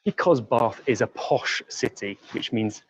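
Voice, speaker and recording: A man with an English accent, leading a live-streamed walking tour outdoors on busy city streets. He speaks in a friendly way, explains words slowly and reads out viewer comments. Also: medium pitch, animated, slightly rough, no room sound, low-quality recording. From England.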